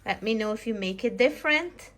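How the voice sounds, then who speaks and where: A woman's voice: fairly high pitch, animated, fairly quick, a bit bright. A woman from Guyana hosting a cooking vlog, explaining each step of a recipe in a chatty, homely way. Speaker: cooking vlogger. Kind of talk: casual vlog narration. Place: outdoors in snow, then a home kitchen.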